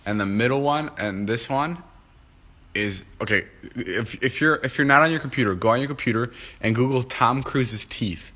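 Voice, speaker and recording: A man's voice: medium pitch, normal speed, bright, forceful tone. A young man in his twenties, just woken up and groggy, chatting casually on a phone livestream from home, rambling and joking as he answers comments. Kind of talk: casual livestream chat to viewers. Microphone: phone livestream app.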